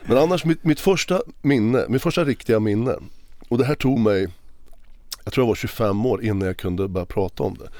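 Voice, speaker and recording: A man speaking as a podcast guest, recounting a personal story in a halting, emotional way with many restarts. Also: fairly low pitch, darkish tone, no echo. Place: podcast recording session.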